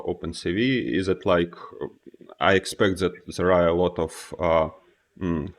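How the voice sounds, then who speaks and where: A man hosting a casual interview, feeling his way through questions in halting phrases. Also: deep voice, vocal fry. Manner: halting, searching for words. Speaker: interviewer, host.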